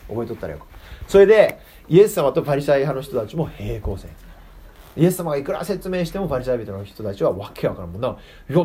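A man with a warm, mid-range voice delivers a relaxed sermon to children, chatting with them and posing questions. There's slight background noise.

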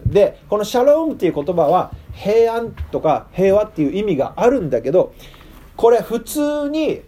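A pastor with a Kitakyushu accent gives a children's sermon in a high, mellow voice. His pitch swings widely as he plays with the story. He keeps pulling the listeners in with questions. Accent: Kitakyushu Japanese. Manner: playful, asks the listeners questions.

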